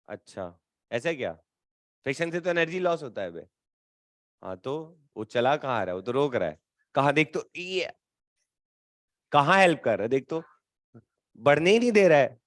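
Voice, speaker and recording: A man teaching physics to a class in a casual, teasing way, bantering with students and slowing down to stress key terms. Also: on the high side, no room sound, clean studio sound. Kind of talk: classroom lecture.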